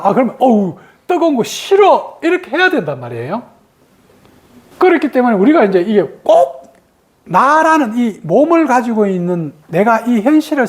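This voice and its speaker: A woman meditation teacher gives a dharma talk and acts out the ego's sudden refusals in a lively way. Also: medium pitch.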